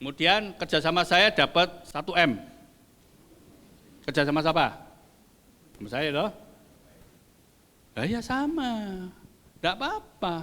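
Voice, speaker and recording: Older male pastor, bright high voice, playful preaching with long hall reverb. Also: unhurried, pauses often. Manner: lively, joking with the congregation, mixing in Javanese. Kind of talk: sermon. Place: church hall.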